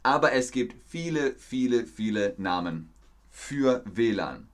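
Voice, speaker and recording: A man teaching a live-streamed language lesson, repeating words slowly and praising his viewers. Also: mid-range voice, lively intonation. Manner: slow, repetitive, encouraging teacher talk. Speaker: German teacher.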